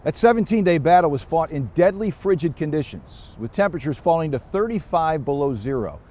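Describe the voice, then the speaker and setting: An American man presenting a scripted public service story in a measured, formal delivery. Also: on the high side, animated, dark tone.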